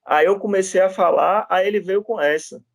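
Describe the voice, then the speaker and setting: Speaking in a high, gravelly voice at normal speed, this Brazilian Portuguese–accented man lectures on law in a chatty, storytelling style. He keeps checking in with his audience through tag questions. The recording is dry and studio quality.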